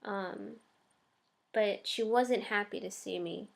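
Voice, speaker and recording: Creaky young woman rambling in a vlog. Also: medium pitch, takes it slowly. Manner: hesitant, full of ums and likes. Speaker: vlogger.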